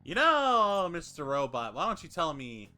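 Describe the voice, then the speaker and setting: A man's voice: normal speed, faint music behind, full character voice. A man doing a cocky, sarcastic young delinquent. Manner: lively, sarcastic, swings high and low. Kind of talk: fan comedy dub.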